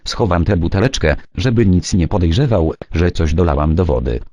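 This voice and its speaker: A man with a low, dark voice voicing a scheming, lovesick young woman who swaps r for ł. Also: lively intonation, moderate pace. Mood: giddy. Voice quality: lisps r as ł. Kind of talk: amateur comedy voice acting.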